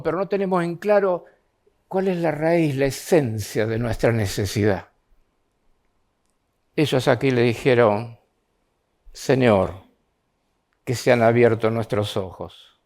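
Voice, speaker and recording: A man's voice: medium pitch, darkish tone. A man with an Argentine Spanish accent preaching an earnest sermon in a church, reading scripture aloud with a rising, pleading tone.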